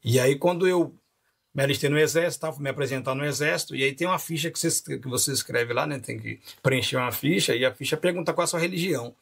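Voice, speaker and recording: A man who is a pastor, telling a personal testimony on a podcast with animated delivery and frequent laughs. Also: fairly high pitch, quick pace, creaky, slightly rough. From Rio de Janeiro. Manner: animated storyteller, laughs often.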